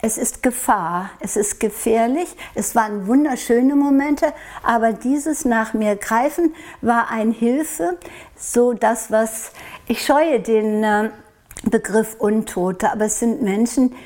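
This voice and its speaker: A woman from Norway tells her story to an interviewer in a soft, reflective way, with a voice pitched a little on the high side. She often breaks off and restarts as she searches for the right words. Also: slow. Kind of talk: recounting a personal experience in an interview.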